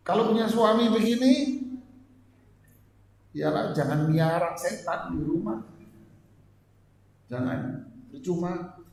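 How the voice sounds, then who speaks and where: A male religious teacher giving a joking, lively marriage lecture to an audience. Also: on the high side, gravelly. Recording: echoey hall, faint ambience.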